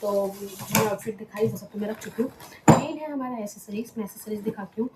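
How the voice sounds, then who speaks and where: A young woman talks her way through her packing at home at night, musing aloud in a relaxed, chatty way. She often drops her voice to a hush, close to a whisper. The room rings with echo and a steady background noise sits under her. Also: mid-range voice, quick pace. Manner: chatty, thinking aloud, mixing in English words. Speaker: vlogger. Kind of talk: casual packing vlog chat.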